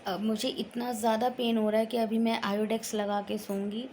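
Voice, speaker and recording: Tired, chatty woman vlogger, fairly high voice. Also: flat delivery, brisk, a little mellow, a little hiss or hum. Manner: chatty storytelling, quoting relatives. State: tired, sleepy. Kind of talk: casual chat to camera.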